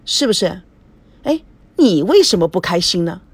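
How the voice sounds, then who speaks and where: A woman voicing a weary young groom in an audiobook, speaking in a flat, dejected way. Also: fairly low pitch, normal speed, breathy edge, dry recording. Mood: gloomy.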